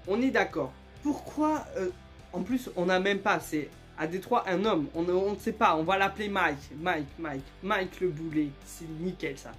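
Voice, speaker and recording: A young man retelling absurd stories in a casual, joking, slangy way, laughing often and breaking into loud squeals of outrage. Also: high voice, moderate pace, faint music behind. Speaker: YouTuber. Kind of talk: casual comedic storytelling and reading aloud.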